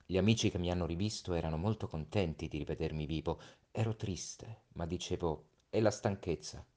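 A man reading a story aloud, slow and reflective with hushed pauses. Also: deep voice. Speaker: storybook reader. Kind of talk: read-aloud story narration.

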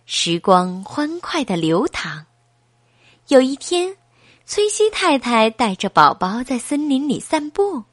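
A woman narrating a children's storybook, slow and expressive. Her voice is high and lively, rising and falling a lot. Dry, close recording. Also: no room sound.

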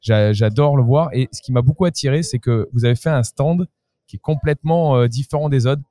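A man's voice: mid-range voice, brisk, warm tone, dry recording, clean studio sound. A man hosting an interview podcast at a trade fair, talking with enthusiasm, with faint concert music behind him. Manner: enthusiastic, talkative. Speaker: podcast host. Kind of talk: casual interview.

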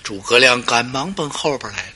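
A man's voice: medium pitch, expressive, fairly quick, bright, forceful tone, a little hiss or hum. A male storyteller performing a traditional tale dramatically, with asides to the listener.

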